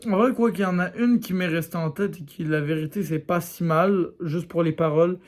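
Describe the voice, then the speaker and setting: A man with a fairly high, darkish voice reviews a series for YouTube at a fairly quick clip. His casual, frank style includes addressing viewers directly as "les gars" and many fillers.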